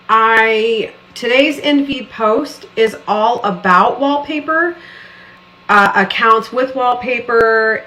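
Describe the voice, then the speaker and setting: Bright, casual woman vlogger. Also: fairly high pitch, low-quality recording. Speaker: lifestyle vlogger. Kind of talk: casual vlog chat.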